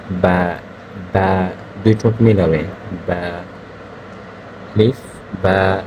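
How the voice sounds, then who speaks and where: Slow, deep-voiced male Quran teacher. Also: background noise. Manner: repeats each letter sound deliberately, asks and answers himself. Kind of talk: slow classroom lesson on letter pronunciation.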